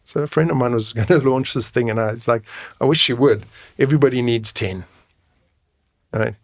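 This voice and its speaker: Fairly quick and medium-pitched, a man who coaches and advocates for men's mental health speaks as an interview guest. He's frank and conversational, often seeking agreement with tag questions, in a dry studio-quality recording.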